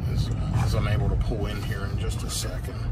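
A middle-aged man casually narrating his drive from inside a moving car, unhurried and halting, with frequent filler sounds. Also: on the low side, completely flat delivery. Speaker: EV road-trip vlogger. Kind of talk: casual narration while driving. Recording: loud car road noise. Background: loud road and engine noise.

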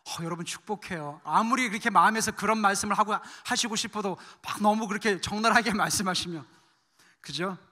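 A man's voice: high voice, a little fast, bright, forceful tone. A male missionary preaching a sermon at a church service, telling his story with animation and putting questions to the congregation.

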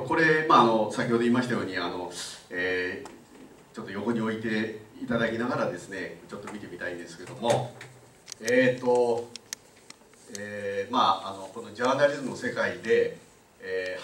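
An older man giving a public lecture in a conversational way, pausing often with filler sounds. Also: fairly low pitch, a little hiss or hum. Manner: conversational, frequent filler pauses. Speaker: guest lecturer. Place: lecture room. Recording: roomy, mic at a distance.

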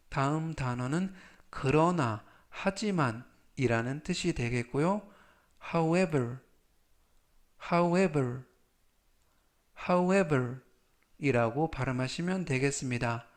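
A man teaching English vocabulary in Korean, reading each word and example sentence slowly three times with formal, polite phrasing and a Korean accent in English. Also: mid-range voice. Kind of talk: slow, patient vocabulary lesson.

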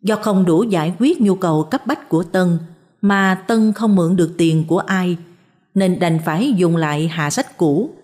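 A woman narrating a scripted moral tale as a storyteller, with a calm, even reading. Her voice sits low and sounds mellow and warm. She reads the story steadily. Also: normal speed.

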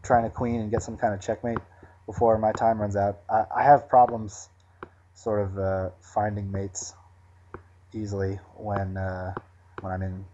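A man calmly talking through a finished chess game move by move, thinking aloud with frequent fillers. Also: fairly low pitch, unhurried, lo-fi sound. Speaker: chess commentator. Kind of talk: post-game chess analysis.

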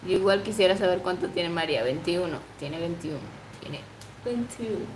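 A woman's voice: on the low side, brisk, darkish tone, reverberant, a little hiss or hum, low-quality recording. A woman in her twenties chatting casually on a livestream, reading comments aloud, giggling often and cooing baby talk to her pet. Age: 20s. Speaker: livestream host.

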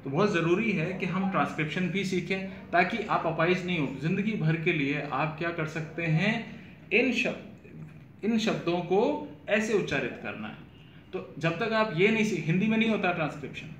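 A man's voice: high voice, lively intonation, normal speed, a bit bright, lo-fi sound, a little hiss or hum. A man, explaining his English pronunciation course to students and repeating words to show how they sound. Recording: echoey room with faint ambience.

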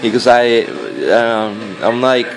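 Recorded indoors on a handheld phone, this fourteen-year-old boy makes gaming videos, filming a game on a screen while giving casual, hesitant, rambling commentary over the game music. His male voice is medium-pitched, level in tone, and slow. The recording quality is low.

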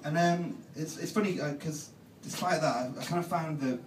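A young man doing stand-up in a halting, deadpan way full of ums. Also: on the high side. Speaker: stand-up comedian. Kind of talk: stand-up comedy set. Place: comedy club stage. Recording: roomy live club, distant mic, noisy.

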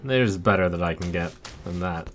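A young man giving deadpan live gameplay commentary into a close streaming mic. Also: sits low, moderate pace, noisy background. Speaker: game streamer. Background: game music.

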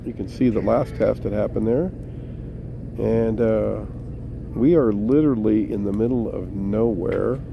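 A man casually walking through his campsite as he films, talking in a relaxed, rambling way with many fillers. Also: on the low side, unhurried. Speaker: vlogger. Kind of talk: casual walkthrough narration. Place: outdoor mountain campsite. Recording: outdoor camera audio with clear background noise.

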